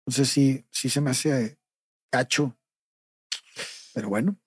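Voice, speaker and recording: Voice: medium pitch, fairly even intonation, takes it slowly, darkish tone, breathy edge, no room sound, studio quality. A podcast co-host with a Mexican accent in casual chat, emphatic and full of slang and swearing.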